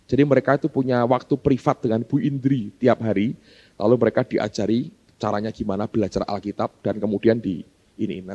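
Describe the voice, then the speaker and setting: A man's voice: medium pitch, dark tone, slightly rough. A male pastor telling a story in a sermon, chatting with the congregation and acting out both sides of a back-and-forth dialogue. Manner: conversational, keeps addressing the congregation as "saudara"; acts out both sides of a dialogue in a question-and-answer rhythm. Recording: dull lo-fi sermon recording.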